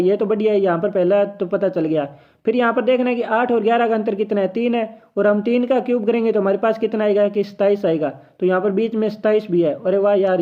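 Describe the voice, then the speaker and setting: A man teaching an exam reasoning question in a chatty, encouraging way, thinking aloud as he solves it. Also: sits high. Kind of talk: casual tutorial lesson. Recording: tinny phone-like audio.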